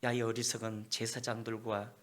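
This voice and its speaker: A man's voice: fairly low pitch, monotone, moderate pace, fairly bright tone, voice pushed down, close to an everyday voice. A male pastor voicing an angry God who rebukes his priests with repeated, thundering demands. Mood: wrathful rebuke.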